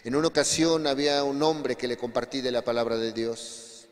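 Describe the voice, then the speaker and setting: A male pastor preaching a sermon, telling a testimony with emphatic swings between quiet and raised passages. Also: medium pitch, normal speed. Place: church hall. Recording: long hall reverb.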